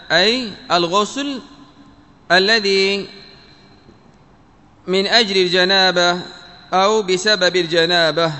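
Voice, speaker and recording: A man with a rather high, bright and clear voice delivers a classical text commentary lesson. He speaks in measured, deliberate phrases, one piece at a time. The sound rings with a long hall reverb. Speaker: religious teacher.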